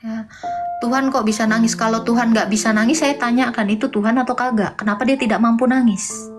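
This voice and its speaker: A woman's voice: a little high, steady tone, fairly quick. A woman hosting a casual livestream debate, teasing and mocking viewers with sing-song rhetorical questions. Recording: music playing behind the voice.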